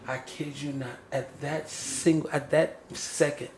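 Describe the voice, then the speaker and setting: A man telling a personal story on a casual podcast, animated and repeating phrases like "you feel me". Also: a little high, a little slow, roomy sound, a little hiss or hum. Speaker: podcast host.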